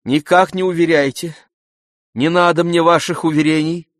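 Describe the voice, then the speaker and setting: A man reading the part of a proud, quick-tempered young woman in a storybook, speaking raised and emphatic. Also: medium pitch, slightly rough, dry recording, clean studio sound. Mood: heated.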